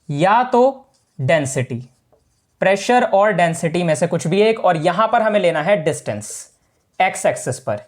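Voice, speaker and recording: A male teacher giving a casual physics lesson to students, talking informally and repeating the key points. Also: high voice.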